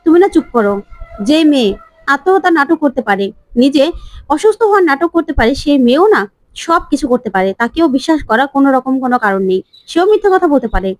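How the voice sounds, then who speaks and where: An indignant young husband scolds in a rush of quick, high words, as a woman narrator reads his lines. The voice sounds dry and close, with no room around it. He sounds fed up and defends his brother hotly. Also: sing-song, no echo.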